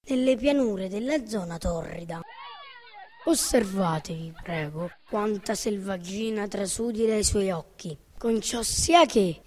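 A woman voicing a pompous, blustering male circus director who makes grand speeches and barks commands in an audiobook. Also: medium pitch. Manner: grandiloquent, ringmaster shouting commands. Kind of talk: audiobook character reading.

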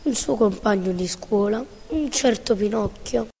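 A woman voicing a calm old man who sits outside his hut, in a storybook reading. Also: mid-range voice, a little slow, vocal fry, in a large hall.

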